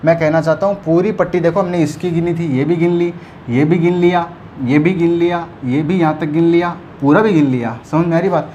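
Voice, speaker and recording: A man's voice: fairly high pitch, brisk, mellow, dull audio. A man teaches counting problems at a board, speaking in a slightly raised voice. He keeps asking whether the class has followed. A faint background hiss runs under the recording. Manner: explains patiently, keeps checking students follow. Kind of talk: whiteboard math lesson.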